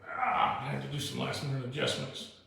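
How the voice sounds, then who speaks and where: A man's voice: medium pitch, brisk, creaky, sharp tone, a little hiss or hum. A man hosting a food-tasting video show indoors at home, talking casually to the camera in a loose, chatty way with plenty of fillers and restarts. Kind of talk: casual rambling talk to camera. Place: indoors at home, moved in from the deck. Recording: very echoey room.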